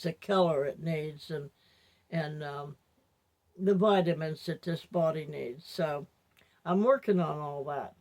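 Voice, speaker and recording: Talking to her viewers with her teeth out, an older woman vlogger drifts through a personal monologue that's reflective, halting and rambling. Her voice sits on the low side.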